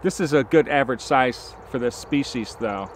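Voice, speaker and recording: At a forest campsite, a nature vlogger in his forties holds his camera at arm's length and talks to it in a relaxed, enthusiastic way, peppering his thinking-aloud with fillers. He has a mid-range voice and a moderate pace, and the recording carries a little hiss or hum.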